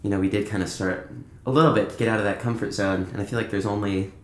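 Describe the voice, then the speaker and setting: Talking fast in a lowish, steady-toned voice, the man rambles casually through anecdotes as a musician guest on a podcast, acting out bits of conversation as he goes. The room sounds spacious and echoing.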